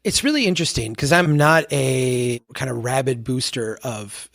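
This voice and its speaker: A man's medium-pitched, slightly bright voice moves at a normal speed. He's an American in his forties, a town advocate appearing as a podcast interview guest, earnestly and opinionatedly explaining his views with conviction and rhetorical contrasts.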